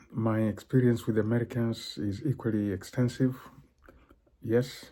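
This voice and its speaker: An older man from Tanzania giving a solo talk as a professor and cultural consultant, halting, with many fillers and throat-clearing. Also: on the low side, warm tone.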